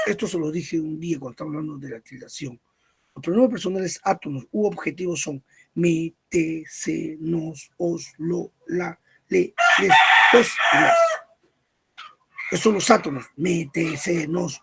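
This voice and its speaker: A man's voice: fairly high pitch, gravelly, background noise. A man teaching a grammar lesson, who asks questions, answers them himself and repeats word lists.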